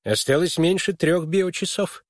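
A man's voice: a little high, measured pace, dry recording, studio quality, voice pushed up, natural voice. A man reading an audiobook and voicing a tired, irritable old male official with old-fashioned gallantry. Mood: pressing.

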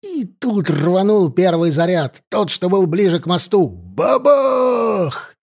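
Here a man reads an audiobook dramatically from a script, his voice fairly high for a man and a little mellow. He eases his pace at key moments to give them weight.

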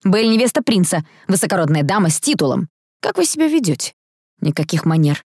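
A woman's voice: lowish voice, very animated, fairly quick, darkish tone, slightly rough, no room sound, studio quality, exaggerated voice. Bossy scolding aunt, read by a woman. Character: stern scolding aunt, middle-aged, bossy. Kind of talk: audiobook character voice.

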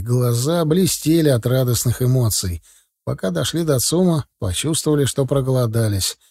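A man narrating a first-person audiobook in a warm, slightly husky voice at a middling pitch. His telling is plain and conversational, recorded on a close, dry mic. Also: no room sound.

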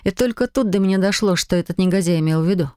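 Brief: audiobook narrator, first-person fantasy, ironic and expressive, smooth clear voice, dry sound. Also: medium pitch, fast talker, dry recording.

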